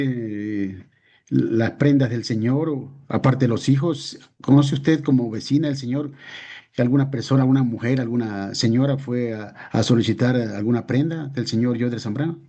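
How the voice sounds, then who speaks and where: A man's voice: medium pitch, dark tone, natural voice. A man playing a lawyer in a mock trial, asking a witness formal questions with hesitant filler sounds. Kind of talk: courtroom role-play, formal questioning.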